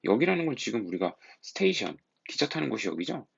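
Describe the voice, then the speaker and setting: A man teaching a high school history lesson, explaining step by step and putting rhetorical questions to his students. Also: big pitch swings, fast talker, gravelly, slight background noise. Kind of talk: classroom lecture. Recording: dull lo-fi recording.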